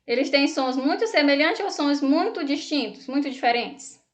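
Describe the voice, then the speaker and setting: A woman's voice: high-pitched, expressive, moderate pace. A woman from Brazil teaching an online language lesson, explaining patiently, asking the class questions and reading exercises aloud. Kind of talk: online Spanish lesson for students.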